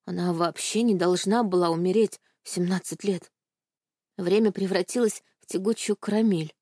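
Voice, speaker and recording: A woman's voice: fairly low pitch, steady tone, moderate pace, a little mellow, no room sound, clean studio sound. A woman narrating a dramatic first-person novel in a tense, dramatic manner. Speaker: audiobook narrator.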